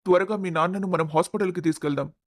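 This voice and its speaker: A man voicing a caring young man in a storybook, calming a crying friend. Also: high-pitched, fast, no echo, studio quality. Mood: reassuring. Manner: calm, reassuring. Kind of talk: storybook voice acting.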